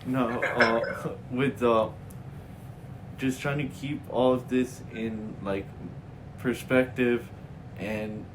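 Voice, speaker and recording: A man from Sri Lanka hosting an interview, asking questions haltingly with many fillers. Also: medium pitch, fairly even intonation, noisy background. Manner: hesitant, many fillers and restarts. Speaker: interviewer, show host. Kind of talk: casual interview chat.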